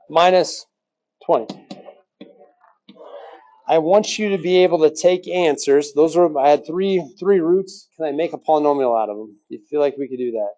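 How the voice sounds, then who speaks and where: Mellow-voiced male math teacher. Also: fairly high pitch, low-quality recording. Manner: quizzes the class with rhetorical questions, joking. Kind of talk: recorded classroom lesson.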